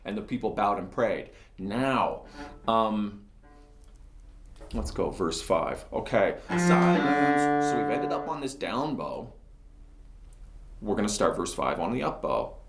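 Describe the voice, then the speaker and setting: A man's voice: fairly low pitch, animated, slow, pauses often, echoey room, over loud music. A man teaching a cello lesson, chatting casually as he talks through each step while he plays.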